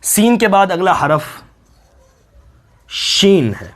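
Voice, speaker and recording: A man's voice: high-pitched, very animated, fairly bright tone. A man teaching Quran letter pronunciation, patiently drawing out each letter sound step by step. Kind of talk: step-by-step recitation lesson.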